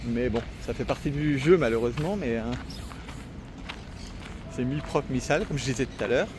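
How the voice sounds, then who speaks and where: A chatty French man walks through a city, talking to his handheld camera with easy enthusiasm and a lot of fillers. His voice sits at an ordinary middle pitch. Street noise and passing traffic come through clearly behind him. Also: normal speed. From France. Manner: chatty and enthusiastic, self-mocking, many fillers. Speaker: travel vlogger. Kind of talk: casual walking vlog. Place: outdoors in a city, street and seafront. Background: city traffic and wind.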